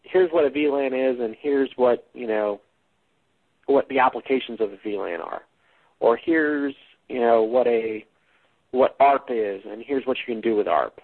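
Husky man podcasting on a dull cheap mic. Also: mid-range voice. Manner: rambling, halting, thinking aloud. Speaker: podcast host. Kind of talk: casual unscripted podcast discussion.

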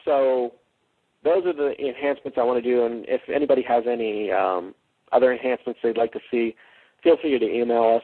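Husky man podcasting on a dull cheap mic. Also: mid-range voice. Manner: rambling, halting, thinking aloud. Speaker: podcast host. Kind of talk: casual unscripted podcast discussion.

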